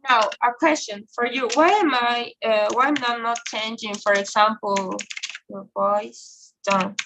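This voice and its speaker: A woman's voice: on the high side, steady tone, unhurried, noisy background. A woman teaching an English grammar class online, often checking in with "okay?" and "right?". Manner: frequent checking questions, filler okay and right.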